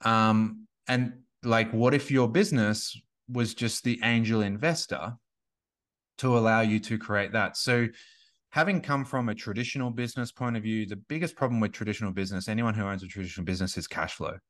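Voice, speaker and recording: A man's voice: on the low side, fairly quick, fairly bright tone. A man in his thirties, a podcast guest and business coach, talking casually and rambling with many restarts and fillers. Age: 30s.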